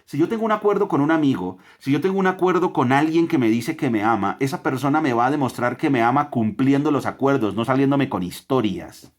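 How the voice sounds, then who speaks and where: A man's voice: medium pitch, expressive, a little fast, few pauses. A man with a Colombian accent, teaching a Bible lesson to his family, emphatic, with rhetorical questions and repeated phrases.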